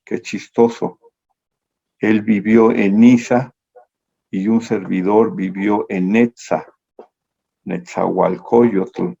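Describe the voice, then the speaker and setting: A man lectures slowly over a video call, his low, gravelly voice drifting through a meandering story. He corrects himself as he goes. The call audio is dull and lo-fi. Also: dark tone.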